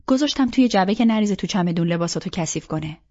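A woman reading the part of a caring middle-aged mother, gentle and homely, fussing over her grown daughter in a storybook scene. Her voice is slightly husky and mid-pitched. The recording sounds dull and lo-fi. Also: lively intonation, close to an everyday voice.

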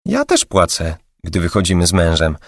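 A man's voice: sits low, huge pitch swings, normal speed, gravelly, no echo, studio quality, heavily acted. A man voicing a curious young woman who chats casually while feigning innocence in an audiobook. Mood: chatty.

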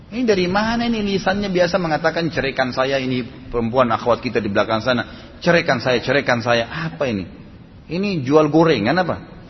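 Preacher, male, emphatic and rhetorical, recorded in a reverberant hall on a dull, low-fidelity line. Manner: rhetorical questions, emphatic scolding asides. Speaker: Islamic preacher answering questions. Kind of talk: religious Q&A lecture. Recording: dull echoey hall with faint rumble.

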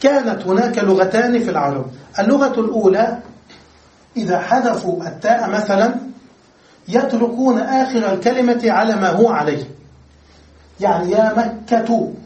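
An Arabic grammar teacher with a high-pitched, darkish voice gives a patient classroom lecture, brisk and with lively intonation. He explains each rule step by step and often asks the class whether they follow. Recorded from across an echoey room, he sounds far from the mic.

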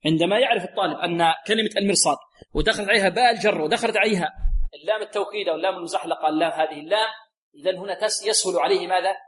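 Male tajweed teacher, high pitch, runs a question-and-answer lesson. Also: rapid-fire, a bit bright, poor audio. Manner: explains rules, asks pupils questions and gives the answers. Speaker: Quran recitation teacher. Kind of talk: tajweed lesson with call and response. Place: radio lesson.

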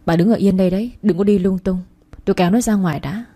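A woman's voice: medium pitch, lively intonation, fast, warm tone, natural voice. A woman reading as a stern, scolding father. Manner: scolding, barking orders. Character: stern, hot-tempered older father.

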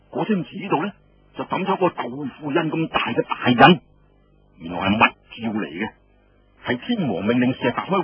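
A man with a Cantonese accent and a mid-range, slightly rough voice narrates a story dramatically and colloquially, dropping in conversational asides. The radio-style recording is dull and lo-fi with faint noise.

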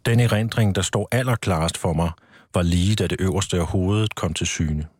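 A man, the author, reading a passage from his own book aloud in a studio in a calm, measured way. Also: low voice, breathy edge, no echo. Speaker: author guest.

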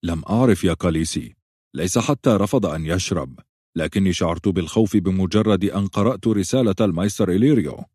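A man as a gruff, protective knight in a fantasy audiobook, speaking in curt, sharp commands. The voice is very low and husky, close and dry. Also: fast, no room sound. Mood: grave.

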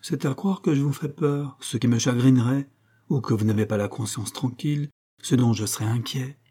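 Suave mocking criminal boss, read by a male narrator, warm husky tone, audiobook. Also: mid-range voice, moderate pace, natural voice.

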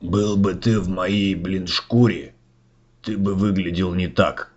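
A man's voice: low voice, steady tone, slow, a little mellow. A man playing a scrawny, stoned Koschei who drawls underworld slang in a rhymed comic fairy-tale audio play, on a muffled recording. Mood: aggrieved, boastful.

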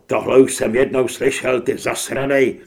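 A man voicing a furious male monster hunter who shouts threats and swears in an audiobook. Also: medium pitch, vocal fry, lightly acted. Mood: threatening.

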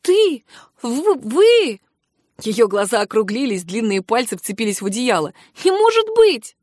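A woman voicing a quick-tempered young noble sister who speaks in shrill, rising outbursts. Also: lively intonation, darkish tone, dry recording, clean studio sound. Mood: shocked.

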